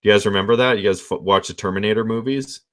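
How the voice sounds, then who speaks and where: A man's voice: lowish voice, steady tone, very fast, fairly bright tone. A man telling a story in a casual, rambling, frank conversational way.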